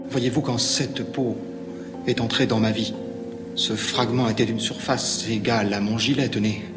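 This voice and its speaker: A man's voice: lowish voice, steady tone, normal speed, over music, natural voice. An actor playing an anxious young nobleman in a film scene, speaking in an earnest, urgent way. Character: anxious young nobleman, fearful of his fate.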